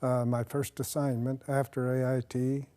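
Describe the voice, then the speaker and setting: An older man from Nebraska talks about his service in an easy, measured way, pausing often with small fillers. His voice is mellow and warm at an ordinary middle pitch. He sits in a quiet studio with a lapel mic. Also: level tone. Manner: measured, plain, with frequent fillers. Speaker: retired army officer guest. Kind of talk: interview answers. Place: studio with dark backdrop.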